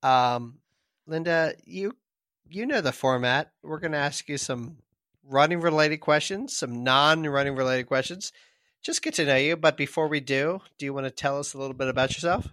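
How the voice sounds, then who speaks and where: A man hosting a casual running podcast, firing off quick joking asides between questions. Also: a little high, fairly bright tone, no echo, clean studio sound. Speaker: podcast host. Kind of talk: casual chat.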